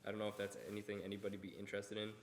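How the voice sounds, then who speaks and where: A young man co-hosts a casual, unscripted podcast, chatting in a rambling, self-deprecating way around a table in an indoor room. His voice is on the low side, monotone and very fast. Everyone shares one mic on the table, so the space sounds roomy, with a little hiss or hum.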